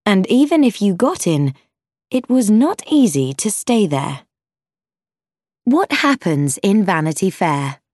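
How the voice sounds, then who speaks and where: A woman reading a simplified classic novel aloud, in clear, expressive storytelling narration. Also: mid-range voice, unhurried, no echo, clean studio sound. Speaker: audiobook narrator.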